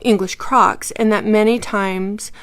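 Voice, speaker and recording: A woman's voice: medium pitch, fairly even intonation, measured pace, clear, resonant tone. A woman teaching a live craft tutorial, explaining each step and checking in with the viewers. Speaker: craft instructor.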